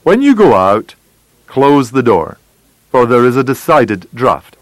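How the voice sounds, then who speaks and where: A male reader plays a gentleman detective from a storybook, imperturbable and drily witty. He talks in an unhurried, bland way with a lively melody, recorded dry and close. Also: mid-range voice, no room sound, low-quality recording. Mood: drily amused. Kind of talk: audiobook character voice.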